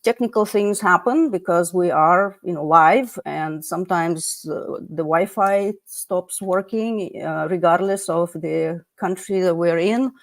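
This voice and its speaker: Low-voiced woman hosting a livestream. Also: a little slow, hardly any pauses, dry recording. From United States. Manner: chatty, with many fillers and restarts. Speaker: livestream host. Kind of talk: moderating a livestream panel. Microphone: video call.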